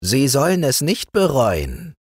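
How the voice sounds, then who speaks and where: A man reading aloud voices a smooth-talking male sorcerer who flatters and tempts. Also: mid-range voice, measured pace, no room sound, clean studio sound, pitched above the performer's own voice, exaggerated voice. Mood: coaxing. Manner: persuasive, bowing and flattering.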